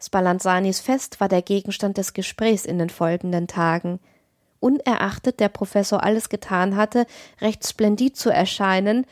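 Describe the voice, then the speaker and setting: A woman narrating a classic tale as an audiobook reader, in a measured, expressive reading. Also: mid-range voice, dry recording, studio quality.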